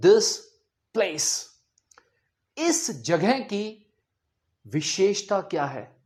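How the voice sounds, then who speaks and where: A man from India teaching English pronunciation, who says each word slowly several times and quizzes the listener. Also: sits high, a little mellow. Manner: drills words slowly, repeating them and quizzing the listener. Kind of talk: spoken language lesson.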